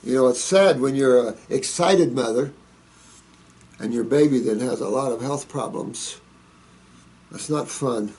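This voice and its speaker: A man with a medium-pitched, slightly mellow voice hosts a question-and-answer show, unhurried and pausing often. He reads viewer questions aloud and answers them in a casual monologue, his advice folksy, rambling and preachy.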